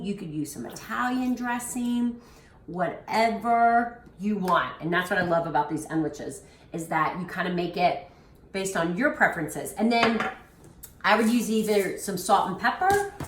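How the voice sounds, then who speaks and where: A woman's voice: mid-range voice, slight background noise. A woman giving a casual cooking demonstration, chatty and encouraging as she talks viewers through each step while working with her hands. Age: adult. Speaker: dietitian demonstrating a recipe. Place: kitchen. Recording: roomy, mic at a distance.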